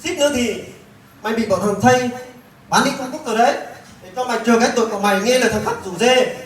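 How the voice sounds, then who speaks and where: A man's voice: extremely high pitch, fast, a little hiss or hum. A man acting a stubborn, hot-tempered village husband in an amateur skit, blunt and scolding, with Hmong as his first language. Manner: blunt, scolding, repeats himself. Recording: roomy, from a distant mic.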